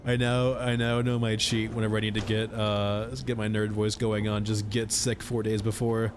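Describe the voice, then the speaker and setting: A man's voice: on the low side, level tone, normal speed, slight background noise. A congested man streaming a game, chatting loosely with viewers and rambling as he plays. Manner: rambling, chatty, talks to chat. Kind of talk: casual gaming stream chat.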